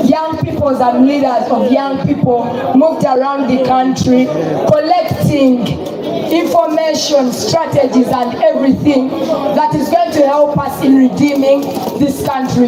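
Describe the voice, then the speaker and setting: A woman acting as master of ceremonies, formally greeting dignitaries one by one in a measured public address. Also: high voice. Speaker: master of ceremonies at a youth political gathering. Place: large public rally. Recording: echoey PA sound with crowd and music behind.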